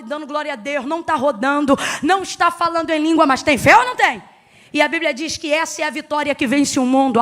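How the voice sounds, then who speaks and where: A woman preacher with a Brazilian Portuguese accent, delivering a sermon with rhetorical questions to the congregation, swinging between shouted peaks and hushed passages. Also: high-pitched.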